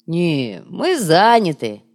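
A woman voicing a rough, slangy male gang boss who talks bluntly in an audiobook. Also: lowish voice, wildly swooping pitch, takes it slowly, a little mellow, heavily acted. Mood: gruff.

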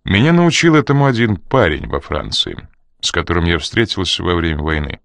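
A man voicing a cold, menacing man who presses a woman with slow, quiet, threatening questions. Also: deep voice, sing-song, vocal fry, dry recording, studio quality, full character voice. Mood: probing.

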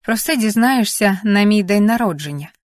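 A woman's voice: medium pitch, lively intonation, normal speed, no room sound, lightly acted. A woman reading the part of a cheerful, secretive teenage girl who talks in a coy, chatty way, in a dry, close audiobook recording.

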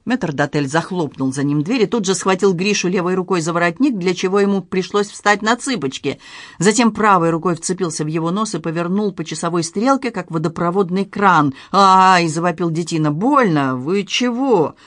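An audiobook narrator reading a story with lively, scripted narration. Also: mid-range voice, a little fast, dry recording, studio quality.

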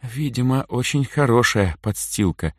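A man voicing a dying elf woman who speaks weakly, slowly and softly in an audiobook. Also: mid-range voice, lively intonation, dry recording, studio quality, pitched above the performer's own voice. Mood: tender. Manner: weak, slow, soft. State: weak, whispering. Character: dying elf woman, weak, tender, calm.

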